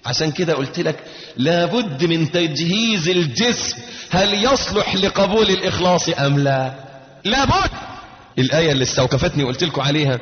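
An Egyptian man delivers a sermon with a lively, fairly high voice that rises and falls dramatically. He plays out the conversations in his stories. The sound is muffled and lo-fi, with a long hall reverb around him. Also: a little fast. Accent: Egyptian Arabic. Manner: animated, swings between hushed and raised emphatic delivery, acts out dialogue. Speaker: preacher. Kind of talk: Islamic sermon with storytelling. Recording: dull echoey hall recording.

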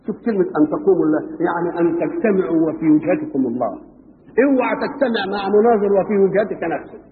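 Rapid high-voiced Egyptian preacher on old radio. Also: male voice, lively intonation. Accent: Egyptian Arabic. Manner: poses rhetorical fill-in questions to listeners. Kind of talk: sermon explaining scripture. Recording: old radio broadcast, tinny band, hall reverb, faint hiss.

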